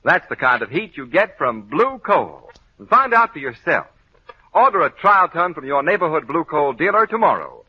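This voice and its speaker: Old-time radio announcer man, high lively voice. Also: normal speed, breathy edge. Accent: American. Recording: dull, band-limited old radio broadcast.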